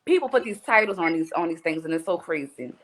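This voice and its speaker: A woman's voice: fairly low pitch, quick pace, slight background noise. A woman from New Orleans with a New Orleans accent, a podcast guest talking bluntly and profanely in casual chat, acting out quotes as she goes. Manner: blunt, profane, animated storytelling with voiced quotes.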